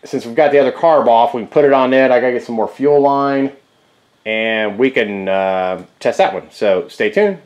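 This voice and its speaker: A man's voice: medium pitch, moderate pace, a little mellow, lo-fi sound. A man talking casually to camera in his home garage, rambling in a laid-back way with many fillers and restarts. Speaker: garage vlogger fixing scooters. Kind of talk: casual workshop talk to camera.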